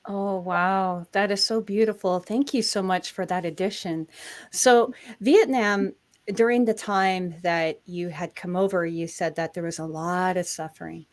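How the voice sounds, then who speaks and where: A woman's voice: on the low side, fairly even intonation, a little slow. A woman hosting a talk show interview, effusive and admiring, stretching out words for emphasis. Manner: warm-toned, effusive and admiring, drawing out key words.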